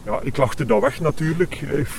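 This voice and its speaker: Disguised Flemish man, pitch-shifted voice. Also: animated, moderate pace, creaky, a little mellow, slight background noise. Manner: hesitant, many fillers and restarts. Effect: voice digitally disguised for anonymity. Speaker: interviewee, part-time gigolo. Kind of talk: casual interview. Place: outdoors on a park bench.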